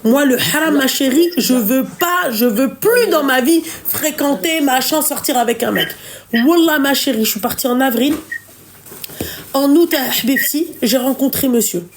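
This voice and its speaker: A woman's voice: sits high, normal speed, a little hiss or hum. A woman hosting a call-in advice talk, fervent, affectionate and emphatic.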